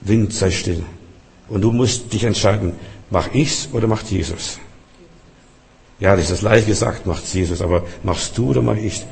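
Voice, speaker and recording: Emphatic preacher in a big church. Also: male voice, fairly low pitch, normal speed, vocal fry, a little hiss or hum. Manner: emphatic, repeating refrains with sudden loud and soft swings. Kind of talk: sermon. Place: Berlin Cathedral. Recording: long reverb of a large church.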